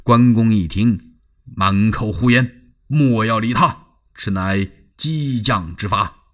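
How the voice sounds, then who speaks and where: A man's voice: lowish voice, slow, fairly bright tone. A man telling a traditional Chinese story in a dramatic, sweeping style, often turning aside to address the listeners.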